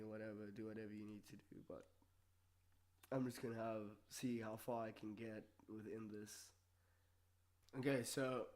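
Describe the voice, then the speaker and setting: Low-key man hosting a casual vlog. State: a bit sick. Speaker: video show host. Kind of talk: casual solo vlog talk and reactions.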